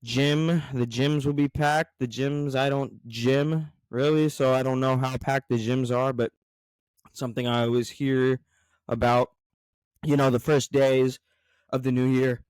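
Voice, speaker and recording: A man's voice: mid-range voice, darkish tone, clear, resonant tone, dry recording. A man with an American accent talking casually as a solo podcast host, in a rambling, conversational way. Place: garage.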